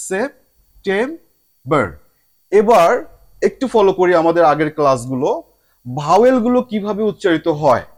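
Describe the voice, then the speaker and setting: A man with a high voice teaches a spoken lesson to his viewers. He slips English phrases into his sentences and drags each example word out slowly so it can be heard part by part. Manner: slow drawn-out word demonstrations; mixes English phrases into speech.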